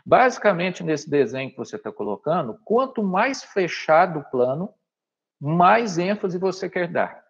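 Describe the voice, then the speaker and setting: A Brazilian man teaches a live online workshop over a video call, with a fairly high, husky voice. He talks straight to his audience and checks in with "tá?" as he explains. The audio is dull and lo-fi. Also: sing-song, a little slow. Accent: Brazilian Portuguese. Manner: explanatory, addresses the audience directly, frequent "tá?" checks.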